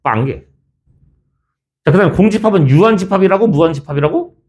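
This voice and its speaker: A man's voice: fairly high pitch, sing-song, normal speed, a little mellow. A male math teacher in his thirties, lecturing a class in a chatty, teasing way. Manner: chatty, teasing, switches between formal and casual speech.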